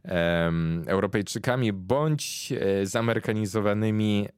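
A young man talks with a fairly low voice, easygoing and conversational as he hosts a podcast interview. He stops often to search for the right word. The recording is dry and close, with no room sound. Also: clean tone, dry recording. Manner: thoughtful, pauses often to search for words. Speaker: podcast host interviewing a guest. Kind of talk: casual conversational explanation.

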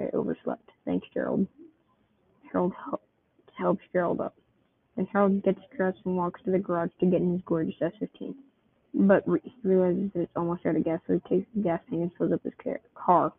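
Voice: mid-range voice, vocal fry, slightly rough. A person reading a homemade comic story aloud, keeping the characters' voices close to their own. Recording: tinny phone-like dry recording.

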